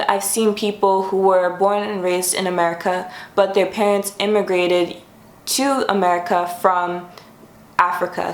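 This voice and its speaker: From the floor of her room, a young YouTuber gives a casual, friendly explainer, chatting along and now and then pausing to correct herself. Her voice is on the low side and the room is echoey.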